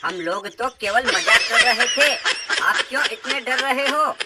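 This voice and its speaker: A sassy young daughter-in-law. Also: female voice, fairly high pitch, animated, unhurried, heavy background noise. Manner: taunting, mock-sweet sass. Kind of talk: cartoon comedy voice acting. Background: loud music.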